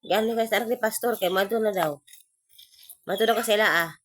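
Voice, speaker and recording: A woman with a Visayan Filipino accent who has just woken up, chatting casually in a home vlog, groggy, hoarse and congested from a cold. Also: mid-range voice, fairly quick, fairly bright tone. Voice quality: stuffy nasal, congested. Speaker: vlogger. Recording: noisy home recording. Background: noisy chickens.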